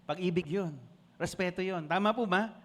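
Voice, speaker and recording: A man's voice: high voice, normal speed, fairly bright tone. A man with a Filipino accent preaching a sermon, switching between Tagalog and English and calling on the congregation to answer. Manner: asks the congregation for responses. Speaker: pastor.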